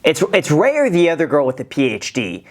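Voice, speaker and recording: A man's voice: on the high side, huge pitch swings, brisk. A man hosting his own show and reacting to a video in a chatty, self-deprecating way. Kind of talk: casual reaction commentary.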